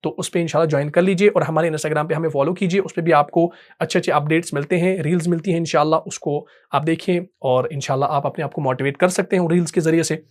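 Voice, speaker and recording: A man's voice: on the high side, steady tone, quick pace, few pauses, darkish tone. A man teaching an online Quran recitation class, explaining patiently and often checking that students follow.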